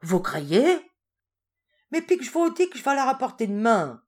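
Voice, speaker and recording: A woman voicing a stubborn, fretful old peasant woman who speaks in rustic country dialect and exclaims loudly. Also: lowish voice, animated, moderate pace, slightly rough. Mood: alarmed.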